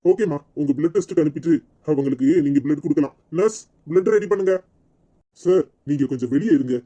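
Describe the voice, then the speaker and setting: A man voicing a brisk hospital doctor who lectures his staff, with a Tirunelveli Tamil accent. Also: a little high, mellow, natural voice. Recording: dull lo-fi recording.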